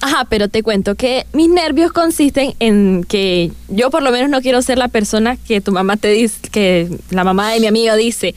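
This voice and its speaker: A woman's voice: a little high, normal speed, few pauses, clear, resonant tone, no echo. A young woman, speaking hesitantly and self-consciously in a casual chat among friends, often restarting.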